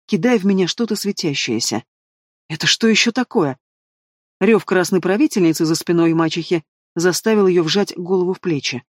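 A man with a high-pitched voice narrates a first-person fantasy audiobook, reading expressively and dramatically. He's recorded close to the microphone, with no echo.

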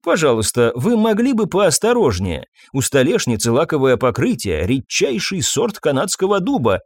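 A man voicing a suave male hotel owner who talks calmly, politely and ironically. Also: on the high side, moderate pace, husky, dry recording, clean studio sound, exaggerated voice. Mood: ironic.

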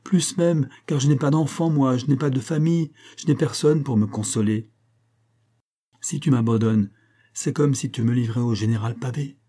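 A man's voice: mid-range voice, fairly even intonation, normal speed, mellow, close to an everyday voice. A man voicing a bitter, heartbroken young woman who mocks and reproaches her lover in a raised voice. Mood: angry, anguished. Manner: mocking, reproachful, rising to cries.

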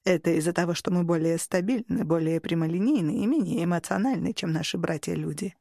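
A woman voicing a quiet, earnest android captain. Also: fairly low pitch, brisk, gravelly, no echo, clean studio sound. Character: reserved male android starship captain. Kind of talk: audiobook character reading.

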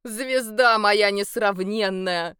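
A woman's voice: lowish voice, expressive, measured pace, fairly bright tone, clean tone, no echo. Lovestruck, boastful male vampire read by a woman, pushy and dreamy, audiobook, dry close sound. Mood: adoring. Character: lovestruck young male vampire, brash and cheerful.

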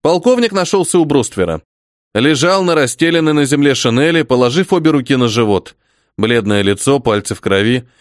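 A man reading a first-person audiobook in a dramatic, expressive manner. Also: medium pitch, a little fast, no room sound, studio quality. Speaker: audiobook narrator.

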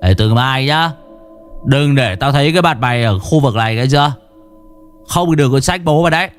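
A man voicing a hot-tempered young henchman who shouts insults. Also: medium pitch, brisk, clear, resonant tone, faint music behind, pitched above the performer's own voice, close to an everyday voice. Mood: angry. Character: young thuggish male driver, hot-tempered.

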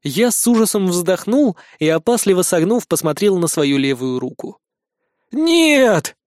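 A man's voice: high voice, moderate pace, darkish tone, no room sound. A man narrating a first-person audiobook with a wry, dry-humored delivery.

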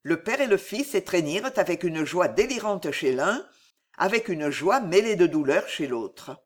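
A narrator reading a historical novel aloud in a measured, expressive manner. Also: medium pitch. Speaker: audiobook narrator. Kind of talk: literary audiobook narration.

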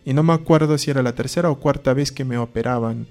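A priest with a medium-pitched, slightly mellow voice talks fast about faith in a conversational preaching style, with faint music in the background. He poses rhetorical questions and acts out brief dialogues.

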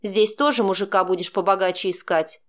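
A woman's voice: mid-range voice, moderate pace, lightly acted. A woman voicing a cold, sarcastic middle-aged mother who speaks in a cutting, scornful way.

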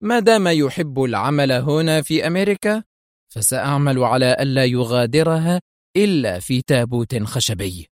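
A man voicing a menacing elderly male spymaster who shouts threats through clenched teeth. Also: mid-range voice, normal speed, no room sound, clean studio sound, natural voice. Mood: sinister.

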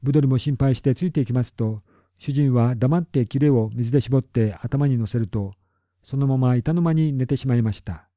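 Dark-voiced man reading a storybook. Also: medium pitch, brisk, no echo. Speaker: narrator. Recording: dull lo-fi recording.

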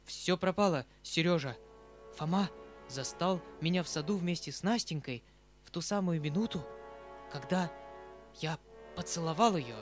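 An excitable elderly country gentleman, voiced by a male reader in an audiobook, exclaiming in a loud, urgent voice that sits fairly high. Soft music plays underneath. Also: moderate pace, pauses often, close to an everyday voice. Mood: troubled. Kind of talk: audiobook character voice.

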